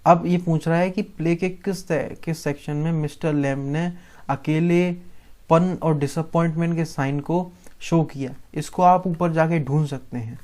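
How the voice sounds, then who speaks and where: A man's voice: on the high side, steady tone, measured pace, darkish tone. A man teaching a class, mixing English into his explanation and acting out lines from a play. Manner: mixes English into his talk, acts out lines.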